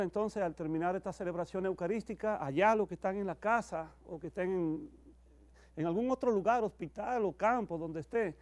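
A middle-aged man, a priest addressing a congregation at Mass with earnest exhortations and blessings, pausing between phrases. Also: high voice, darkish tone. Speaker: priest celebrating televised Mass. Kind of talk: homiletic announcements and liturgical blessing. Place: indoor chapel, at the altar.

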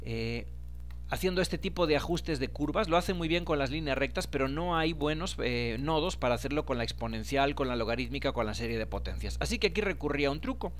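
A man's voice: on the high side, lively intonation, fairly quick, slight background noise. A man, explaining a data analysis tutorial step by step and speaking directly to his viewers. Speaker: instructor. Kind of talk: screen-recorded tutorial.

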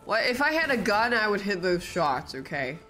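A woman streamer giving casual, excitable commentary on a video game, swearing and blurting out exclamations. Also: mid-range voice, moderate pace. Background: faint game music.

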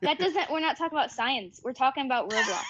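A woman's voice: high-pitched, lively intonation, quick pace, a bit bright, muffled recording, a little hiss or hum. A woman chatting casually and playfully as she plays a video game with friends. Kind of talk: casual gaming chat.

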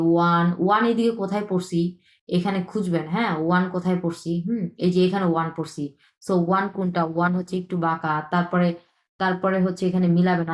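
A woman teaching a language online, explaining each stroke patiently, often checking in with a quick question, while she is ill with a cough. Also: on the low side, reverberant. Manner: patient, repetitive, checks in with frequent tag questions.

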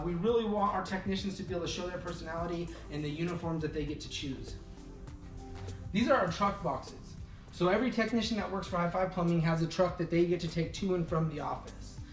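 A man in his thirties giving a relaxed walking tour of his company's warehouse and offices, with frequent fillers. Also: high-pitched, far from the mic. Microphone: camera following him, mic at a distance. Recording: echoey rooms, voice a bit off-mic, soft music underneath.

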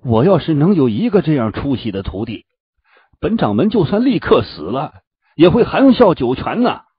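A whining, flattering middle-aged sect master, as a male narrator puts him on, pitched a little above the storyteller's own voice and louder. The storybook audio is dull and dry. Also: moderate pace, slightly rough, dry recording, exaggerated voice. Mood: wheedling. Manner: whining, wheedling.

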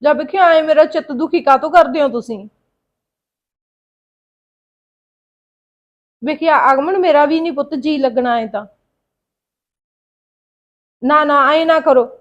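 Woman cast as a worried mother, coaxing and pleading, high voice, dull lo-fi sound. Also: a little fast, lightly acted. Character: young mother, soothing and worried. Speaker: mother in a family skit. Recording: dull lo-fi recording.

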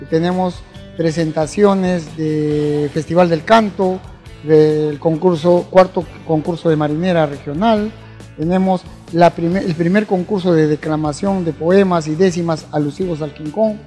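A middle-aged man with a Peruvian Spanish accent, interviewed in a formal hall with a handheld mic, promoting an event with many pauses and fillers. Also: a little high, fairly even intonation, dark tone, soft background music. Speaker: event organizer. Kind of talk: on-camera interview. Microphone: handheld station mic.

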